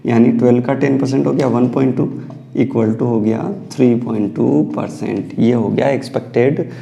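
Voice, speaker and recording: A man lectures through a commerce problem, asking himself questions and answering them. His voice is very dark and gravelly. A long reverb hangs behind each phrase. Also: medium pitch, fairly even intonation, normal speed, highs cut off. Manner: mixes Hindi with English terms, asks and answers his own questions. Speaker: commerce teacher. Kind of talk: lecture solving problems step by step.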